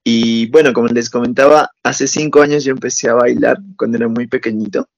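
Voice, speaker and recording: A young Peruvian man talks eagerly about himself in an interview, laughing easily. His voice has a gravelly fry, sits at a middle pitch, and has a Peruvian Spanish accent. The audio is muffled, like a voice message. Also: steady tone, brisk, no room sound. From Peru. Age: 20s. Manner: enthusiastic, laughs often. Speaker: guest dancer. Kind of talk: casual interview chat.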